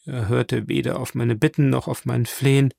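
A man's voice: mid-range voice, fairly even intonation, normal speed, gravelly, warm tone, dry recording, clean studio sound. A man reading an audiobook, voicing a pious young woman in despair who pleads fervently and through tears. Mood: pleading, tearful.

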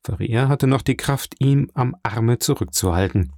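Give me a man narrating an audiobook, measured and even, in a dry close sound. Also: mid-range voice, no room sound. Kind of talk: scripted narration.

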